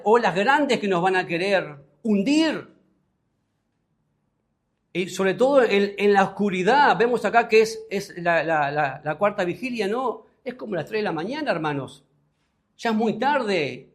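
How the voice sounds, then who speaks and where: A man with a Rioplatense Spanish accent, a pastor preaching a sermon, often rising in pitch and volume and asking the congregation questions. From Uruguay.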